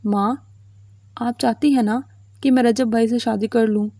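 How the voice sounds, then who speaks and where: Woman reading teary stubborn young girl, pleading, gravelly, dry sound. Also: a little high, fairly even intonation, dark tone, no room sound. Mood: tearful. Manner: tearful, pleading. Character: young daughter, stubborn, tearful and childlike.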